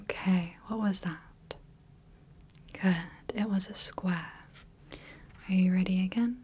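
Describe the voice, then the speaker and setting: A woman voicing a gentle female clinician in a whispered role-play, softly reassuring as she runs light tests. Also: mid-range voice, steady tone, a little hiss or hum, close to an everyday voice. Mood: soothing. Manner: soft, slow, reassuring, checks in often. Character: gentle female clinician testing the viewer's eyes. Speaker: ASMR creator playing a clinician running light tests.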